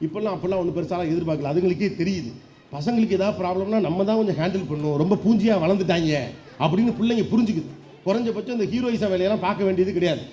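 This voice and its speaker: A middle-aged man giving a lively motivational speech to an audience, firing off rhetorical questions and acting out voices. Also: high voice, rapid-fire. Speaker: public speaker. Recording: dull lo-fi sound with faint background noise.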